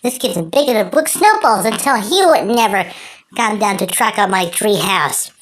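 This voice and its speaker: An amateur performer voicing a mischievous, excitable cartoon woodpecker, rambling and exclaiming with drawn-out words. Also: medium pitch, close to an everyday voice. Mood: scheming. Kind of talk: amateur cartoon character impression.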